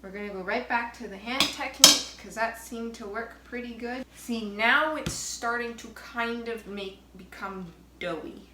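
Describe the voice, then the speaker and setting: A woman's voice: a little high, unhurried, hardly any pauses, roomy sound, background noise. A woman chatting casually on a vlog while she bakes at home, exasperated and self-mocking, swearing now and then. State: out of breath. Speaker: vlogger. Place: home kitchen.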